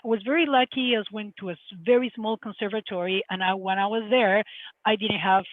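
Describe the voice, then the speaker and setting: A woman's voice: medium pitch, steady tone, no room sound. Middle-aged Peruvian woman, accented English, earnest panel speaker on a thin, tinny line. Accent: Peruvian Spanish. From Peru. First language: Spanish. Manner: earnest, halting storytelling. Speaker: lighting designer. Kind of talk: panel talk on career journey. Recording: tinny phone-like audio, dry.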